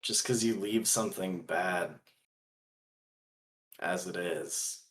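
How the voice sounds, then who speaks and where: Low pitch, man portraying principled gunslinger, earnest, halting deliberate phrasing, tabletop game character. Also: fairly bright tone. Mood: earnest, resolute. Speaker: tabletop role-play player. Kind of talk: in-character tabletop role-play.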